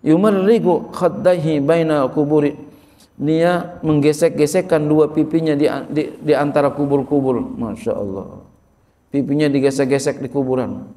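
A man, teaching as an Islamic teacher, reading an Arabic religious text and explaining it phrase by phrase, repeating key words with frequent soft exclamations. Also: a little high, fairly even intonation, normal speed. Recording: long hall reverb.

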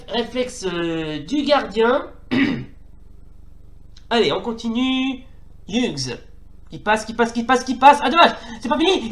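Excitable French gamer calling a match. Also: male voice, very high voice, reverberant. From France. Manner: excitable mock sports commentary, swearing, frequent "hein". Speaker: retro gaming YouTuber. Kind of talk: casual gameplay commentary.

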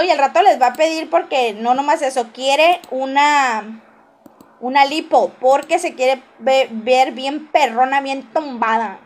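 A woman with a high, darkish voice hosts a casual gossip livestream. She reads viewer comments aloud and answers them with teasing asides, laughing often.

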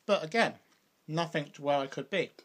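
A man's voice: on the high side, brisk, fairly bright tone. Rambling British man, casual vlog chat. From Britain. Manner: rambling, full of "like" and "you know". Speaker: vlogger. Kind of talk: casual chat while eating.

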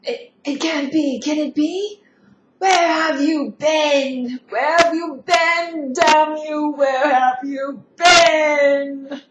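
A woman playing a bitter, worn-out woman who shouts through tears. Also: high voice, expressive, takes it slowly, echoey room, far from the mic, noisy background.

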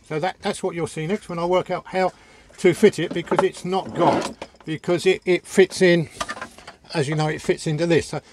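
Older man rambling chattily on camera. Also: a little high. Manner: rambling, chatty, stammers and repeats words. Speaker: sailing vlogger. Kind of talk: casual chat to camera. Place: small cluttered boat cabin. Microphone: phone camera at arm's length.

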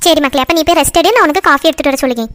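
Voicing a soothing cartoon grandmother, a woman speaks very high and fast with a fairly bright tone. She calms the family through reassurance rather than scolding.

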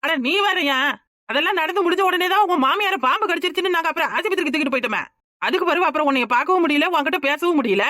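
A woman doing a fast-talking, wronged young village wife. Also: very high voice, lively intonation, sharp tone, dry recording, studio quality, heavily acted. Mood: lamenting. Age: young adult. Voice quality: rapid, complaining talk. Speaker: cartoon character. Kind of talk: cartoon voice acting.

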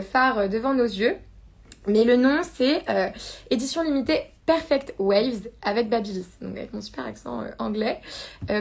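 A high-pitched woman hosts a relaxed live stream. She chats easily, giggles often and reads viewer comments out loud as she goes. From France. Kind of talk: casual live unboxing chat.

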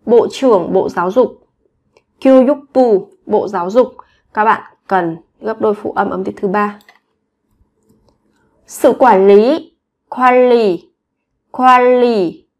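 A woman teaching Korean vocabulary to Vietnamese learners, saying each word slowly and clearly and repeating it several times. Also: on the high side. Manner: slow, clear word-by-word repetition. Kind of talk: vocabulary drill lesson.

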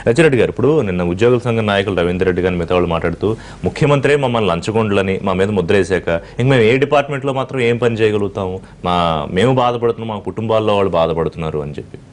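Fast-talking Telugu news anchor man. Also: lowish voice, slight background noise. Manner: probing questions, mixes English words into speech. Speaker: TV debate anchor. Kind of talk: moderating a studio debate.

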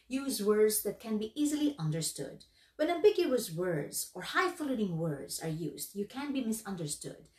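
A woman giving instructional narration on workplace skills in a lively, emphatic, instructive way. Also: mid-range voice. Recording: echoey room, voice from far off.

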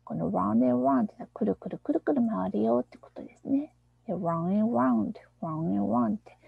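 A woman with a gravelly, husky, fairly high voice explains a children's English song, often dropping to a near-whisper. She talks unhurried and warm-toned, close to the mic in a dry room. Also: dry recording, muffled recording. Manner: soft, often whispered explanations; slow, deliberate English reading. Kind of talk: screen-shared lesson on a children's song.

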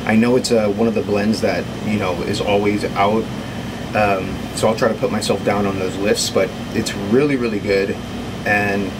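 A man with a fairly low voice chats casually to the camera, pausing often as he finds his words. A steady, clearly audible hum sits behind him in a small workshop. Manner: hesitant, unscripted, pausing often. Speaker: video host, pipe maker. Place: small indoor cluttered workshop. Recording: steady background hum and noise.

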